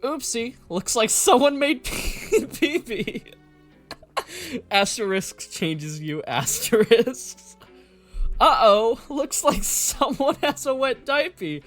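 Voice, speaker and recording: A man's voice: very high-pitched, very animated, slow pace, a bit bright, soft background music, voice pushed up, exaggerated voice. A man voicing a sing-song, syrupy mother-like chatbot in an exaggeratedly sweet, cooing way.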